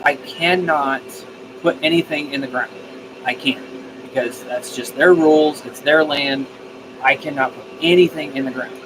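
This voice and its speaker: With a fairly high voice and background noise behind him, a man who streams live and dabbles in radio chats casually, answering viewers' comments and echoing his own phrases as he thinks.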